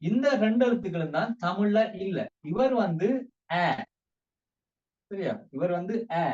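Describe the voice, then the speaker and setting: Sri Lankan Tamil man teaching, slightly high voice. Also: expressive, darkish tone, husky, highs cut off. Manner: repeats words slowly for drill. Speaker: language teacher. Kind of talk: casual spoken lesson.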